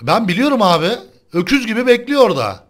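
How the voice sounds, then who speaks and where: A young man chatting casually while playing a game, excitable and quick to complain to his viewers. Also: high voice. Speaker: gaming channel host. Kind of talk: casual gameplay chat.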